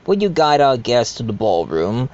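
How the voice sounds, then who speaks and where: This man voices the same kind of role, a courteous but scheming rich host in an amateur murder-mystery drama with some narration, speaking formally and deliberately to his guests. His mid-range, darkish voice swings widely in pitch, the acting is light, and the audio sounds muffled.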